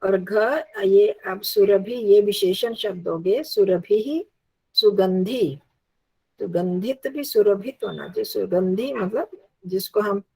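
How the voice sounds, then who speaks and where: A woman's voice: medium pitch, slow, creaky, mellow, slightly rough. A woman teaching a Sanskrit lesson, patiently reciting and drilling word forms aloud.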